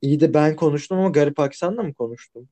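Mellow man reacting on a podcast. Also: on the high side, racing. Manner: reactive, short interjections and questions. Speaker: podcast co-host listening and reacting. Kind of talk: casual podcast chat.

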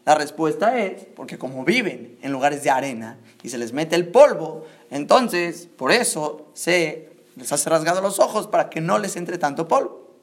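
A man teaching a lesson, retelling a Talmud story in a lively way and checking in with his listeners. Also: on the high side, moderate pace. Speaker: religious teacher.

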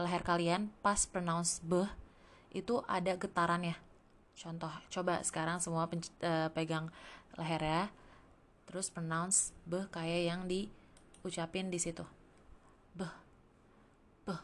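A woman teaching English pronunciation in a casual lesson, demonstrating sounds one by one. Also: on the low side.

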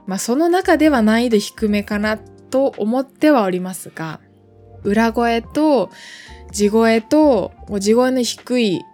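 A woman's voice: mid-range voice, darkish tone. A woman in her twenties hosting a casual solo podcast, chatting in a rambling way with lots of fillers and asides. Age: 20s. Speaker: podcast host.

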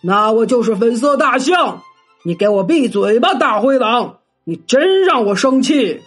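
A woman voicing a huge, short-tempered male bear in a children's story, gruff and scolding. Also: a little high, expressive, measured pace, soft background music. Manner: gruff, scolding, barking orders.

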